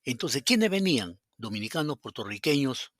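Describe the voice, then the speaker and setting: A man's voice: mid-range voice, big pitch swings, moderate pace, no room sound, studio quality. A Peruvian man, a psychologist guest on a podcast, telling anecdotes in a rambling, casual way, with many fillers and acted-out quotes. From Peru.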